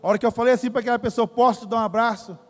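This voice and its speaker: High-voiced Brazilian preacher in a reverberant hall. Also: male voice, fairly even intonation, rapid-fire. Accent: Brazilian Portuguese. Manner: emphatic, repeats phrases, addresses crowd as "querido". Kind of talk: sermon. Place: church.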